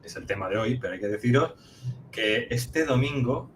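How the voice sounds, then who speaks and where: A man from Catalonia with a light Catalan accent hosts a casual chat at a middle pitch. He jokes around and laughs often. Faint noise runs under his voice. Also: lively intonation, normal speed. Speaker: host. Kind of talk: casual conversation.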